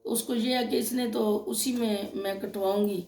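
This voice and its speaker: A woman's voice: fairly high pitch, steady tone, a little mellow. Woman telling a personal grievance, echoey room. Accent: Pakistani Urdu. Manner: emotional, tells of a quarrel, acts out both sides. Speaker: vlogger. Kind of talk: casual storytelling vlog.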